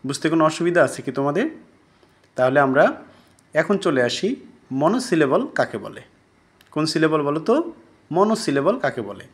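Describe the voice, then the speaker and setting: A male teacher teaching a recorded grammar lesson. His voice sits slightly high for a man. He poses quick questions to his students and answers them himself. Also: lively intonation.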